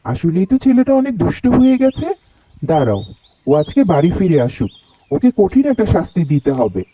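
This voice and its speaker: A gentle cartoon dad. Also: male voice, high-pitched, wildly swooping pitch, brisk, dull audio, exaggerated voice. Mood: mock stern. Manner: mild and coaxing. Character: gentle, patient father of a young boy. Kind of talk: cartoon voice acting.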